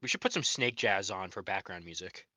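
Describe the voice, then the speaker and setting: A man's voice: low voice, a little fast, pushed and bright, no room sound. A man chatting casually and jokingly as a player in a tabletop role-playing game.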